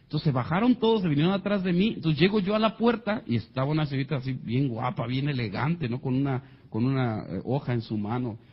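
A man's voice: medium pitch, quick pace, hardly any pauses, husky, highs cut off. A man with a Mexican accent telling a comic personal story to an audience, acting out the voices of the people in it. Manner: animated, acts out quoted voices.

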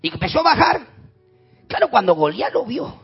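A man with an Argentine accent preaching a sermon, telling stories dramatically and swinging between loud and quiet. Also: very high-pitched, sing-song, moderate pace, creaky, breathy edge, highs cut off. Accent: Argentine Spanish. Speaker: pastor.

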